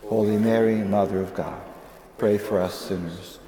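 A man speaking as a priest, praying the Mass solemnly in measured, reverent phrases, with a long cathedral-like echo. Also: fairly low pitch, steady tone, crowd noise. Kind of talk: solemn liturgical prayer.

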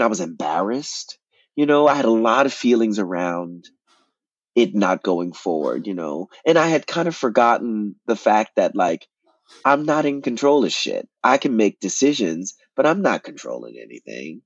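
A man, an actor and playwright, telling his story as an interview guest in an animated way, often repeating words and restarting. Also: on the low side, moderate pace, no room sound, muffled recording.

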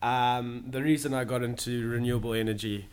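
A man's voice: medium pitch, smooth. Young man. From Zimbabwe. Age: young adult. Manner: steady, explanatory, pauses to find words. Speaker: guest, solar sales manager. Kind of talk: interview answers. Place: office in London.

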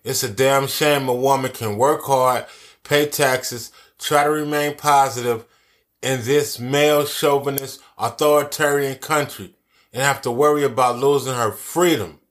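A man's voice: mid-range voice, fairly even intonation, unhurried, a bit bright. Profane, emphatic man ranting. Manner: profane, emphatic, repeats his key phrases. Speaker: commentary vlogger. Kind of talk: angry social commentary.

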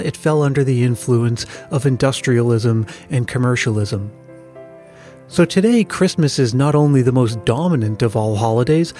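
Over a music bed, a podcast host with a medium-pitched, somewhat dark voice reads scripted narration, speaking directly to the listener.

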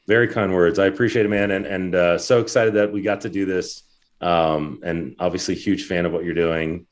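A man, a guest on a podcast, thanking the host in a relaxed, grateful way. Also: deep voice, moderate pace. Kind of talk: casual interview chat.

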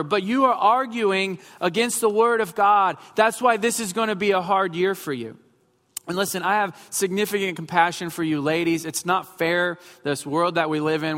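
A man's voice: high voice, a bit bright. A pastor in his thirties preaching a sermon, mixing self-mocking humor with emphatic points. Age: 30s. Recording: long hall reverb with faint music.

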